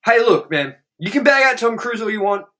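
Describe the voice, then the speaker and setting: He has a high, expressive voice that runs a little fast and a bit bright. The young co-host of a movie review show, he rambles through trivia in casual chat, blunt and profane, full of "like."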